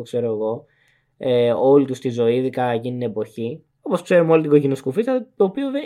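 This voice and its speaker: Mellow young man rambling through explanations. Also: a little high. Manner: rambling explainer, self-correcting. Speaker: podcast co-host. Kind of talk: casual chat.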